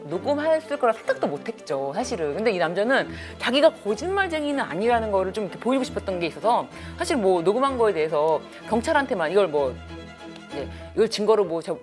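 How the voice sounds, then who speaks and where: Woman counselor, lively lecture storytelling, very animated pitch, music behind. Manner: animated, expressive, acts out quotes.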